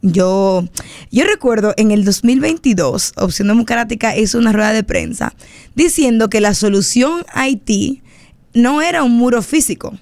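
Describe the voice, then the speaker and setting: A Dominican woman politician, a guest on a radio talk show, speaking in a lively way and repeating herself for emphasis. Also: fairly high pitch, normal speed, no echo. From Dominican Republic. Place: radio studio booth.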